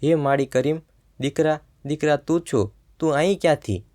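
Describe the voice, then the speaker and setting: A man's voice: a little high, moderate pace, darkish tone, close to an everyday voice. A man reading as a grieving old mother. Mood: anguished. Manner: pained, trembling pleas. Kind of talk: storytelling narration.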